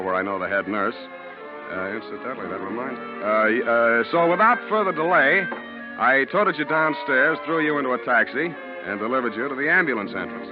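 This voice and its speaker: In the style of 1940s American radio, a male actor with a natural, mid-range voice plays a wry, streetwise private detective. His delivery is dry, sardonic and full of slang, heard through a dull vintage radio recording with music.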